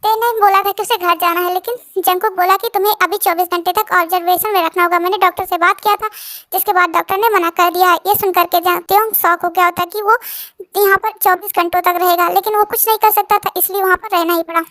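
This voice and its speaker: A woman's voice: very high voice, fairly even intonation, fast talker, fairly bright tone, dry recording, studio quality. A woman casually narrating a love story, rambling and often restarting her sentences.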